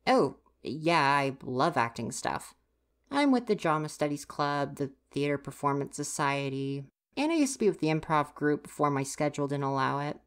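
Now defensive yet opening up, the grumpy young stagehand, voiced by a woman in a low pitch, speaks with lively intonation at normal speed. Addressing the listener directly in ASMR roleplay, she stays huffy, exasperated and easily flustered, with plenty of sighing reproach.

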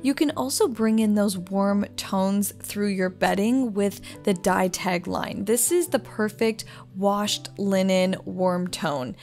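A woman's voice: mid-range voice, slow, few pauses, darkish tone, soft background music. A young adult woman and interior designer giving upbeat, enthusiastic voice-over about home decor finds. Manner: upbeat, enthusiastic product commentary. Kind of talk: voice-over shopping narration.

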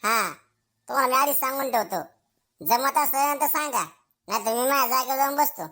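A woman's voice: high voice, fairly quick, pushed and bright. A woman voicing a blustering schoolboy who gets to be teacher for a day, in a village comedy skit, full of cheeky asides to himself. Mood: cocky. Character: brash boastful schoolboy made teacher for a day, male.

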